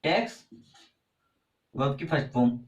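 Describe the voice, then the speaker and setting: A man's voice: mid-range voice, expressive, unhurried. A man with an Indian accent teaching a grammar lesson, often asking questions and answering them himself. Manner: repetitive, asks and answers own questions. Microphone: far from the mic. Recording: roomy, distant, dull sound.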